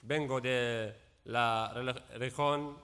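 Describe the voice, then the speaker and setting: Syrian guy w/ arabic accent giving a testimony, slow broken halting speech, clear smooth voice. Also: mid-range voice, fairly even intonation, pushed and bright. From Raqqa region, Syria. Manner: halting, broken Spanish with frequent repetitions and word searching. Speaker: guest speaker. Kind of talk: public testimony.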